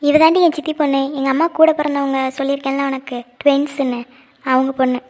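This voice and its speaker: A woman voicing a lovestruck, anxious young woman in a cartoon who hides her feelings and talks in a quick, chatty, defensive way. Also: high-pitched, level tone, a little mellow, natural voice. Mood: lively. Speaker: cartoon character. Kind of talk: cartoon voice acting.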